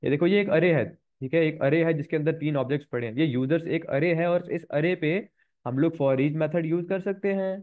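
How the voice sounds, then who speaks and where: A programming instructor from Pakistan, a man with a slightly sore throat, walks students through code step by step and repeats key points in a screen-recorded lecture. His voice is on the high side and brisk, captured on a tinny, phone-like recording.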